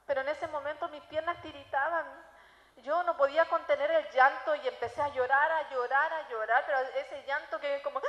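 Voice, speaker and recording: A woman with a Chilean accent giving an emotional testimony from the pulpit, moving between loud and hushed storytelling. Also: high-pitched, fairly even intonation, moderate pace, dull audio. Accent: Chilean Spanish. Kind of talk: sermon testimony. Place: church sanctuary. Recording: echoey church hall.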